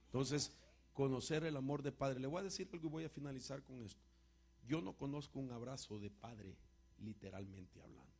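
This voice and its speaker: A man preaching and answering a question with a personal testimony, an emotional storyteller whose voice swings from loud to hushed. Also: mid-range voice, brisk, gravelly, slightly rough. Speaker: apostle answering congregation questions.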